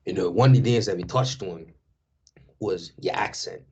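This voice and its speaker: A man's voice: low-pitched, moderate pace, a little mellow, breathy edge. A Bermudian man guesting on a talk show, chatting in a loose, street-casual way. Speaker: guest, DJ and culture worker. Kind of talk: casual podcast chat. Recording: dull lo-fi sound.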